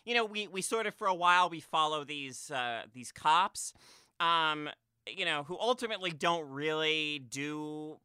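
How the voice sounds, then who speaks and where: A man with a very bright, crisp voice, talking casually about a movie. He is animated and full of fillers and restarts, and his voice is recorded dry, with no room sound. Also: fairly high pitch, a little slow, no echo. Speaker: podcast co-host. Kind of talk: casual film discussion.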